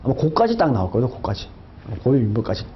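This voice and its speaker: A man's voice: medium pitch, very animated, fast talker, dull audio, slight background noise. A middle-aged man teaching a math lecture, chatty and jokey, quizzing his students with rhetorical questions as he works through problems.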